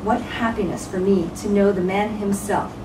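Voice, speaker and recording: A woman reading a written tribute aloud in a solemn, measured way, with deliberate pauses between phrases. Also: medium pitch, steady tone. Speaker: speaker at a memorial, giving a tribute. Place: reading aloud in a roomy venue. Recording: roomy echo, distant mic, clear background noise.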